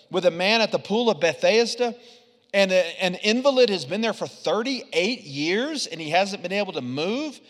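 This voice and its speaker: Man, pastor, animated sermon, ringing bright voice, big reverberant hall. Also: high-pitched. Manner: animated preaching, swinging from loud punches to quiet asides.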